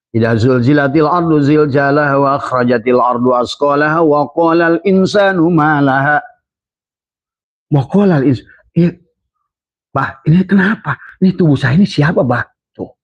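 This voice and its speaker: A man preaching a sufi sermon who climbs to high emphatic peaks and chants Quranic verses slowly. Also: slightly rough, no echo, lo-fi sound.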